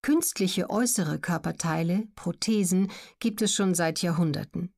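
Carefully articulated and measured, a woman narrates scripted educational documentary content for an audiobook. Her voice is fairly low and darkish, with vocal fry.

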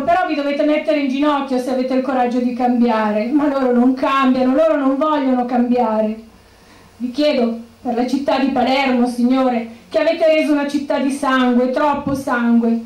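Actress as a bitter, defiant police widow. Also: female voice, high voice, a little mellow, natural voice. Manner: bitter, indignant, accusing. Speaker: actress in a stage monologue. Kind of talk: theatrical monologue. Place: bookshop stage. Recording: echoey room.

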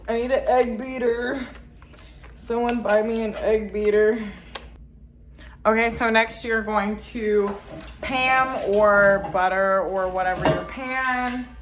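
Chatty young woman, slow, echoey kitchen. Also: on the high side. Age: young adult. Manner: chatty, excitable, says "like" and "oh my God" a lot. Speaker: cooking vlogger. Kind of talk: casual cooking tutorial. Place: small apartment kitchen. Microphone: camera mic from across the room. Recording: echoey room, faint noise.

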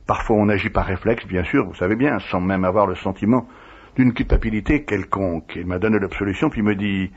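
A man's voice: fairly low pitch, fairly quick, breathy edge. A priest recounting old memories in an interview, acting out the dialogue as he tells it. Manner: lively retelling, acting out quoted dialogue. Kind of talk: interview storytelling. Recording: dull lo-fi radio recording.

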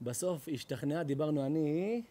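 A man, a rabbi, telling stories in an animated sermon, lively and quick to laugh and exclaim. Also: a little high. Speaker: rabbi giving a talk.

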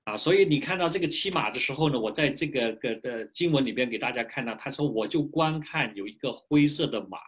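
A male pastor preaching a sermon in a lively, animated way, pausing often for an interpreter, speaking from a small home office into a webcam. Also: mid-range voice, husky. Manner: lively preaching with frequent filler particles.

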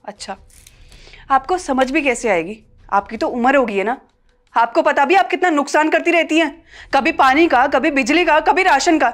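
An actress playing an outspoken young daughter-in-law who scolds and confronts others in a family short film. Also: female voice, on the high side, lively intonation, normal speed, pauses often, natural voice. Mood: scolding. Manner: confrontational, scolding, rising loudness.

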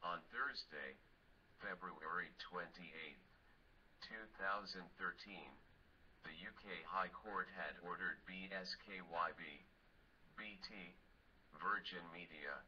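A man speaking through a disguised, pitched-down deep voice, reading a scripted anonymous proclamation in a slow, measured, ominous way. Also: pushed and bright, highs cut off, slight background noise. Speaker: anonymous spokesman.

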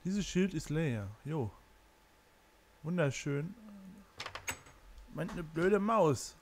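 A male Let's Play host talking through a game in a slightly high, unhurried voice. He rambles casually, trips over words and mutters curses whenever something goes wrong. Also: expressive, slight background noise. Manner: casual, mutters and swears while stumbling over signs. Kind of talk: gameplay commentary.

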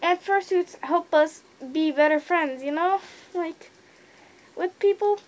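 A woman's voice: very high-pitched, takes it slowly. A young woman rambling casually with many fillers about why she wears a fursuit, speaking from inside a costume head. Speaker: fursuiter vlogger. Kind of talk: casual opinion monologue.

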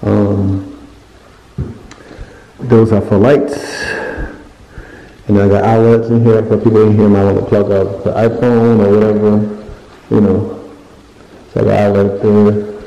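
A man's voice: fairly low pitch, level tone, unhurried, long pauses, mellow. A man walking through his unfinished basement with a handheld phone, talking casually and rambling as he hunts for words and points things out. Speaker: home renovation vlogger. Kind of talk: casual walkthrough narration. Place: unfinished basement room with bare drywall, indoors. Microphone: handheld phone camera. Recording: echoey bare room, dull lo-fi sound.

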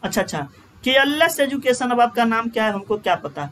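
Male online tutor, high-pitched, joking asides to viewers, stretches vowels when chanting. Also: sing-song, a little fast, fairly bright tone, slight background noise. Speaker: teacher. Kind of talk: live online Sanskrit grammar class.

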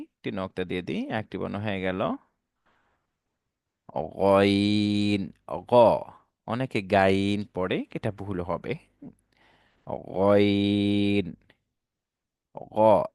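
Male Quran tutor, low-pitched and dry, drills letters by drawing them out and quizzing students. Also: no echo. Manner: drawn-out, stressed letter sounds for learners to copy; patient, repeats and asks questions to the class. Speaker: Quran teacher. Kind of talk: online lesson teaching Arabic letters.

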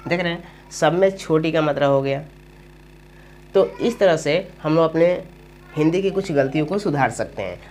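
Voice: medium pitch, moderate pace, darkish tone, a little hiss or hum. A teacher explaining Hindi spelling step by step, asking questions aloud and then answering them. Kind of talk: spoken grammar lesson.

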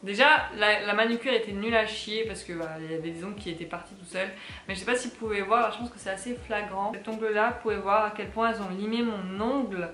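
A woman's voice: mid-range voice, quick pace, fairly bright tone, echoey room. Chatty young French woman vlogging. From France. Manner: chatty, rambling with many fillers. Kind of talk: casual vlog chat. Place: apartment, indoors.

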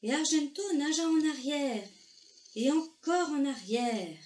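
A woman reading a children's story aloud, slow, gentle and expressive. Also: high-pitched. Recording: echoey room, faint noise.

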